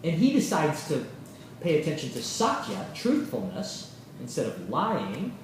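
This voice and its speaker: A man teaching a yoga class in a casual, animated lecture, his pitch swinging widely as he acts out little quoted exchanges. He sits a bit high for a man and speaks from some distance off the mic. The room is very echoey, with a faint hiss underneath. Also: measured pace. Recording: roomy echo from a far mic.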